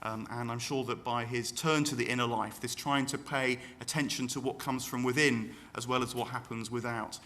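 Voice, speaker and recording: A man's voice: mid-range voice, steady tone, moderate pace, few pauses, a bit bright. A man, a philosopher giving thoughtful, reflective commentary. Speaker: philosopher being interviewed.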